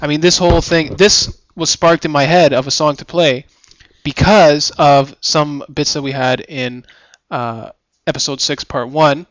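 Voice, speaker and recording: A man's voice: fairly high pitch, fairly even intonation, unhurried, hardly any pauses, no room sound, rough recording. A man co-hosting a casual podcast-style radio show, talking in a laid-back, rambling, joking way.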